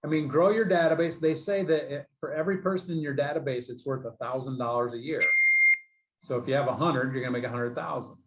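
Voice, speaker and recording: A man's voice: mid-range voice, fairly even intonation, fast, rough recording. A man coaching real estate agents in a casual interview, rambling and enthusiastic with many fillers and restarts.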